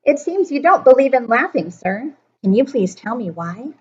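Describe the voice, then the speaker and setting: A woman's voice: on the high side, very animated, moderate pace, a little mellow, dull audio. A woman voicing a cheerful, determined male court jester in a rhyming storybook, in a near-natural voice. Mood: earnest. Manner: rhyming storybook speech, earnest.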